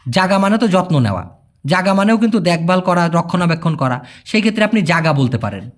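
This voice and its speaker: A Bengali-speaking man teaching a casual language lesson, patiently explaining and repeating each word slowly. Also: high voice, sing-song.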